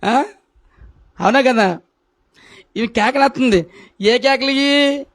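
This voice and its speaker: High-voiced guy preaching at a prayer meeting, says things over and over, keeps asking the congregation questions. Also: slow, fairly bright tone. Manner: repetitive, asks the congregation rhetorical questions.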